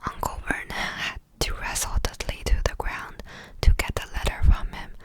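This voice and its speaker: A close, breathy, clicky whisper right in the listener's ear, softly reading a storybook aloud for ASMR in an unhurried way. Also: rough recording. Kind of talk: whispered ASMR reading of a children's fantasy novel. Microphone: close microphone.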